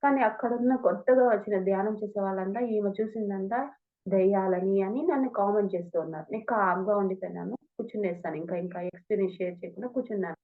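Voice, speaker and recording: A woman recounts her own spiritual experiences in an earnest, storytelling way, slipping into the voices of the people in her stories. Her voice sits at a middle pitch. The sound is thin and narrow, as if heard over a phone. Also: quick pace. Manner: earnest storytelling, acting out quoted dialogue. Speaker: meditation teacher sharing experiences. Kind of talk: testimonial talk.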